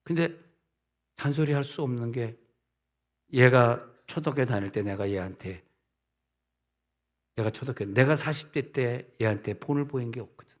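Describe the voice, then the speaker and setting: A man's voice: medium pitch, normal speed, pauses often. A middle-aged man, a senior pastor, preaching a sermon in a conversational way, asking his listeners rhetorical questions and acting out the people he quotes.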